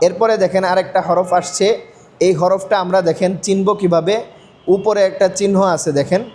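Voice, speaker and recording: A man teaching Quran reading step by step, asking questions and answering them himself, slowing down to spell out letters. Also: sits high, little pitch movement, darkish tone, a little hiss or hum. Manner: slows down to spell out and recite letters. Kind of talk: step-by-step recitation lesson.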